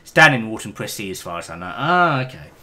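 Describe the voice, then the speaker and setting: A man's voice: on the low side, very animated, fast, pushed and bright, slight background noise. A man streaming a game, chatting casually with hesitant, rambling talk and the odd swear. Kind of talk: casual gaming stream chat.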